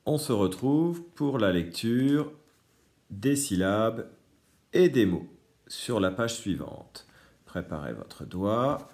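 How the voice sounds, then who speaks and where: A man's voice: lowish voice, sing-song, slow, a little mellow. A man teaching a reading lesson to young children, patiently explaining each word. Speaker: primary school teacher.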